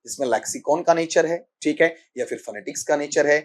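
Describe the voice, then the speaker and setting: With a fairly high pitch and a fairly quick pace, a Rajasthani-accented man preps students for an English grammar exam. He explains each step in turn, asks them questions and refers to them as "beta".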